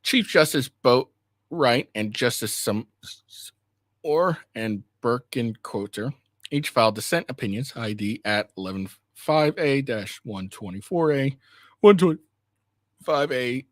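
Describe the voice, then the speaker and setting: A man reading a legal document aloud in a halting way, stumbling over words and correcting himself, with a casual host's delivery. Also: mid-range voice, lively intonation, dry recording.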